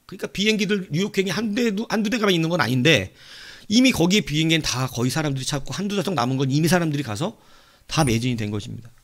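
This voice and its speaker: A male pastor preaching a sermon, telling a story with animated swings between loud outbursts and soft asides. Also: a little high, fast talker.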